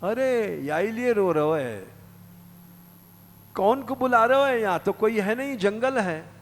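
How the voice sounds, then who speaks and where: A man's voice: high voice, lively intonation, measured pace, long reverb tail, voice pushed up. A man voicing a humble young village man with a Braj accent, caring and insistent. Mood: coaxing.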